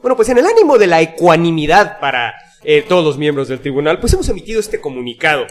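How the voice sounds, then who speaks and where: A man's voice: on the high side, sing-song, quick pace. A man with a Mexican accent co-hosting a casual podcast, joking and slangy, reading out mock-formal statements. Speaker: podcast co-host.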